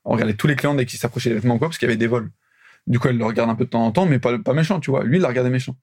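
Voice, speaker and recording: A man's voice: mid-range voice, darkish tone, breathy edge, no echo. A man in his twenties co-hosting a podcast, telling work stories in casual chat with frequent laughter. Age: 20s. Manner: fast, laughing storytelling. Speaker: podcast co-host.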